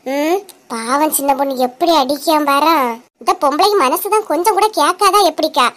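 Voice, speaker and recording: Nosy, gossiping neighbor aunties from a cartoon comedy, voiced by a woman with a Kanyakumari Tamil accent. Their voices are very high and shrill as they call out and chatter. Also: normal speed, fairly bright tone. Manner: gossiping, calling out.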